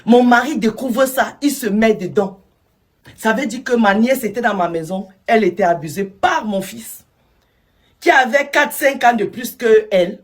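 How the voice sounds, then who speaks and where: A woman storyteller retelling a listener's testimony in first person, with hushed, emotional dips and rises. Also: medium pitch, breathy edge.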